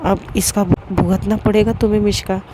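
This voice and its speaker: A woman's voice: medium pitch, level tone, a little fast, background noise, close to an everyday voice. A woman voicing Raj, a pushy, playful young man who teases a friend, read in a storybook telling. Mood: teasing.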